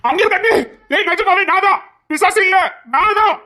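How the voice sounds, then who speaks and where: A woman's voice: very high-pitched, brisk. Woman playing an urgent young man. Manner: urgent, shouting challenges. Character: man searching for his trapped wife, hot-tempered.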